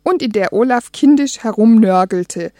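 A woman's voice: fairly high pitch, expressive, moderate pace, mellow, no echo. A woman reading a humorous first-person story aloud as an audiobook, with a wry, dry comic delivery. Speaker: audiobook reader.

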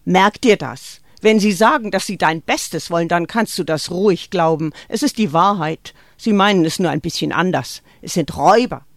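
A woman's voice: fairly low pitch, normal speed, hardly any pauses, no room sound, clean studio sound, lightly acted. A woman voicing a fierce, volatile mother who warns and rages at those around her. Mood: insistent warning. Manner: shouting and urgent, sometimes conspiratorial.

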